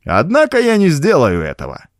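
A man's voice: fairly high pitch, wildly swooping pitch, fairly quick, no room sound, clean studio sound, pitched above the performer's own voice. A man voicing a scornful, cunning male woodsman in an audiobook, with a taunting, contemptuous manner. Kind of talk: audiobook character voice.

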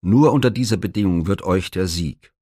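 A man's voice: low voice, normal speed, mellow, breathy edge, no echo, studio quality. A man reading the part of a stern old blind seer in a myth storybook, speaking in grave, solemn pronouncements.

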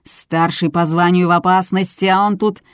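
A woman reading the part of a gruff, rude older male police duty officer who shouts and drawls his words. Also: lowish voice, little pitch movement, dry recording, studio quality, close to an everyday voice. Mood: yelling. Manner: boorish, shouting, slow drawl.

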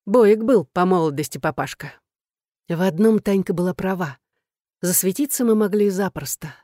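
Audiobook narrator, woman, earthy and frank, mellow tone, dry close recording. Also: fairly low pitch, normal speed, no room sound. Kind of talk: first-person scripted narration.

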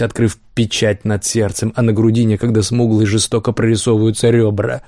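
A man narrating an audiobook in a measured, dramatic reading voice, recorded on a close studio mic. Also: on the low side, warm tone, no room sound. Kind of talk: scripted narration.

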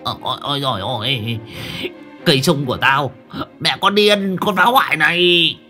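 A man voicing a panicky, self-pitying old man who wails and bleats in a high, strained voice. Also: normal speed, bright, forceful tone, faint music behind. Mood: wailing.

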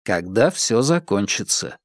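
A man playing a calm, ironic young male detective with a dry, teasing, unhurried manner in an audiobook. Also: on the low side, no room sound. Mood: wry.

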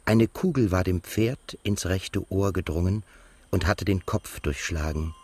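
A male actor with a low-pitched, husky, darkish voice narrates as a melancholy, haunted émigré in a literary radio drama. His delivery is measured and reflective, with a somber mood.

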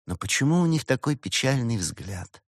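A man voicing a polite, curious young woman in his own low voice. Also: sing-song, moderate pace, creaky, dry recording, studio quality.

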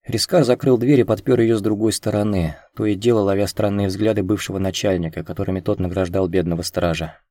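A man narrates an audiobook in a calm, even manner. His voice is very deep, with a dark, mellow tone. The recording is dry and close to the mic. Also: quick pace, hardly any pauses, no echo.

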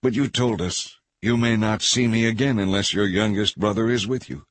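A man's voice: on the low side, moderate pace, dry recording, pitched above the performer's own voice, lightly acted. A man doing a desperate pleading brother.

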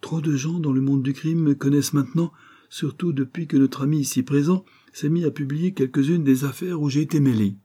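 A man voicing a calm, assured male detective in an audiobook reading. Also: on the high side, brisk, breathy edge, pitched above the performer's own voice. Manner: dry, assured. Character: calm amused male detective, cool and commanding.

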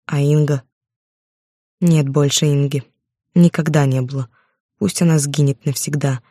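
A woman narrating a first-person romance novel in a steady storytelling voice, on a close microphone. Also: low voice, unhurried, dry recording. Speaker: audiobook narrator.

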